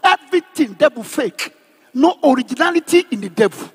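A man with a Nigerian accent preaching a loud sermon at a youth convention, often shouting and calling on the crowd to repeat after him. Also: very high voice, very animated, a little fast, long reverb tail. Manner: preaching loudly with frequent shouts and call-and-response. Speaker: pastor. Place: large convention hall.

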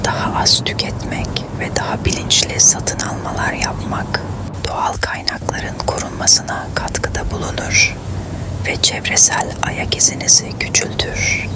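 A narrator reading a script in a hushed, breathy ASMR whisper, quiet as if late at night. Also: a little slow.

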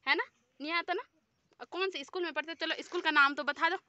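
Woman vlogger, teasing and bossy with kids, high voice, outdoor phone recording. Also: brisk, pushed and bright, muffled recording. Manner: teasing, scolding in a friendly way. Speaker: vlogger chatting with village children. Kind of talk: casual chat. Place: outdoors in a hill village.

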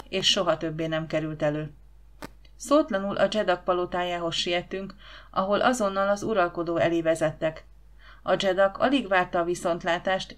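Woman reading an audiobook, lowish voice, steady dramatic telling. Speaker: audiobook narrator. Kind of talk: scripted audiobook narration.

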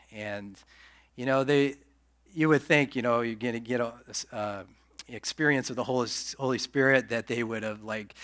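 A man's voice: medium pitch, fairly bright tone. A man giving a personal testimony in a church sermon, talking conversationally with many fillers and restarts and acting out the voices of people he quotes. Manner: acts out quoted speech and gestures. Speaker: church member sharing testimony. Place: church sanctuary.

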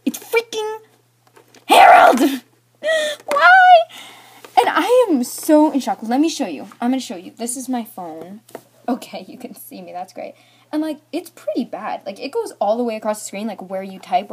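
Warm and animated, this girl talks fairly fast at a medium pitch, with a faint hiss or hum in the background. She's a teen vlogger telling a personal storytime tale, rambling loosely, saying "like" constantly, and using toys to play out scenes.

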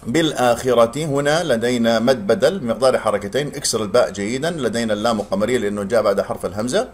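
A man teaching tajweed. He explains pronunciation rules quickly, then recites words slowly and drawn out. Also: mid-range voice, slight background noise.

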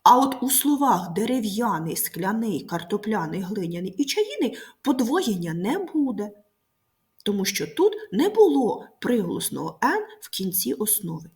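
A woman teacher giving a recorded grammar lesson to pupils, speaking clearly and slowly, stressing each word. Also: medium pitch, sing-song, a little mellow.

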